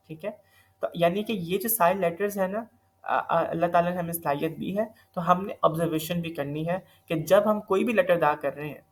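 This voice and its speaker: A man's voice: sits high, fairly bright tone. A man teaching Quran recitation in a recorded online lesson, explaining patiently step by step with a slightly sore throat. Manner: patient step-by-step explaining, mixing in English terms.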